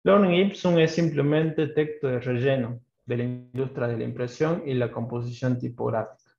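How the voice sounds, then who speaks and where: This man's voice is mid-range, gravelly and darkish, with fairly even intonation at a normal speed. Speaking with a Salta Argentine accent, he patiently walks an online programming class through the material, frequently asking "¿sí?" to check in. The audio sounds dull and roomy, as in an online class.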